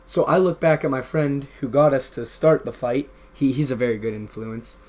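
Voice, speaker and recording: A man's voice: mid-range voice, normal speed, a little mellow. A young man telling a casual, rambling story over gameplay, full of fillers. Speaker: gaming vlogger.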